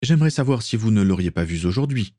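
A man's voice: fairly low pitch, animated, fast, dark tone, dry recording, studio quality, pitched above the performer's own voice. A man voicing an anxious count pleading for news of his missing daughter. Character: anxious middle-aged male count, a worried father.

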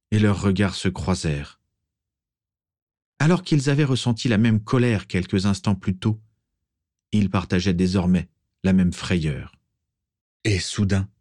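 Deep-voiced male audiobook narrator. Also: darkish tone, no room sound, clean studio sound.

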